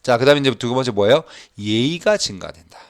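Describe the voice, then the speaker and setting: A man teaching an English class, explaining a textbook dialogue in a chatty way and reading the English example lines slowly with emphasis. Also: medium pitch, lively intonation, no echo, clean studio sound. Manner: frequent fillers like 자 and 오케이. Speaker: English teacher at a cram school.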